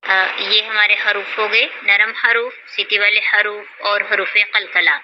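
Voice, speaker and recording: A woman's voice: mid-range voice, steady tone, highs cut off, noisy background. A young woman, patiently teaching Quran reading and stretching out each letter name with care. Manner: drawn-out, carefully enunciated letter names.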